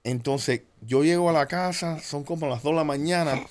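A man in a casual sports chat, telling a lively anecdote in a laughing manner. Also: a little high, normal speed.

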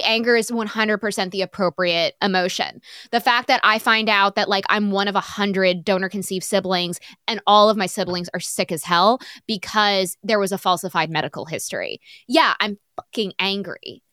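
A woman's voice: mid-range voice, moderate pace, few pauses, sharp tone, smooth, no echo, studio quality. A young woman speaking as an interview guest, outspoken and passionate, swearing freely and slipping into sarcastic mocking impressions. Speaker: podcast guest. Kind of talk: candid conversational interview.

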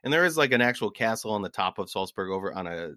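A man's voice: lowish voice, animated, quick pace, bright, forceful tone, no room sound, studio quality. A man co-hosting a podcast, telling rambling travel stories in casual chat and laughing at his own anecdotes. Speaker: podcast co-host.

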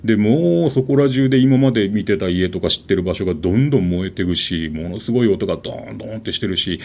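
A man telling a ghost story in an animated, dramatic way, with vivid sound words. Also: on the low side, quick pace, vocal fry.

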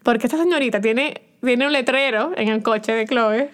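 A woman in her thirties, a mother, chatting casually in a playful, teasing way. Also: a little high. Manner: playful, teasing, quick to quote herself. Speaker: co-host, mother. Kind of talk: casual chat.

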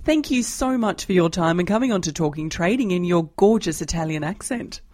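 A woman hosting a podcast, asking friendly, clear questions and signing off the show. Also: on the low side, expressive, brisk, a little mellow. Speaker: podcast host. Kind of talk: podcast interview and sign-off. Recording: dry close mic with faint music.

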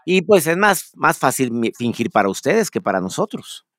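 A man's voice: medium pitch, sing-song, normal speed, fairly bright tone, dry recording, studio quality. A man with a Mexican Spanish accent hosting a casual podcast, giving playful, teasing advice full of affectionate nicknames. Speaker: podcast host.

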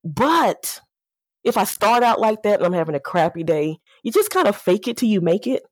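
A woman's voice: mid-range voice, sing-song, moderate pace, no echo. A woman with a Southern American accent chatting casually, with a sassy, candid and playful manner. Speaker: auto repair shop owner, podcast guest. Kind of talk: casual chat.

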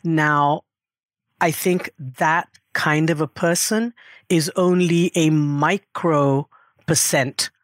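A woman's voice: deep voice, steady tone, slow, no echo, clean studio sound. A middle-aged woman in earnest, reflective conversation, with frequent asides. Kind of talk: conversational interview.

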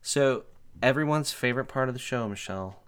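A man's voice: mid-range voice, brisk, a bit bright, clear, resonant tone. A man hosting a podcast, chatting casually and teasing his co-host. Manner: teasing, joking. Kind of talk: casual chat.

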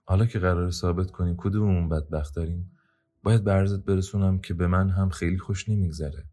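A man's voice: low voice, darkish tone, soft background music, pitched above the performer's own voice. A man voicing a resentful male ex-drummer who talks in an angry, sarcastic, complaining way. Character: bitter resentful male ex-drummer, middle-aged.

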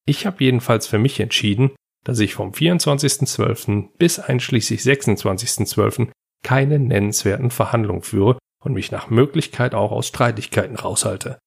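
With a husky, creaky, mid-range voice at a moderate pace, this podcast host from Germany reads a scripted advice monologue. He addresses the listener directly and shares anecdotes.

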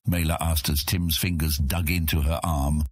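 In a close, dry recording, an extremely deep-voiced man with a husky tone narrates a fantasy audiobook. The scripted storytelling is dramatic, though his tone stays level at a moderate pace.

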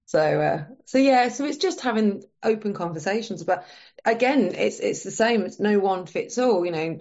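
A woman's voice: mid-range voice, expressive, normal speed, darkish tone, lo-fi sound. A woman guest talking casually in a podcast interview, chatty and full of fillers and restarts. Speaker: menopause coach, guest.

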